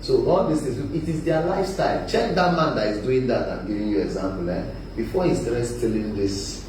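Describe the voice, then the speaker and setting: A Nigerian man, a guest on a live panel discussion, talking forcefully and often asking "you understand me?". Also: medium pitch, a little fast. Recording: echoey room, mic at a distance, noisy.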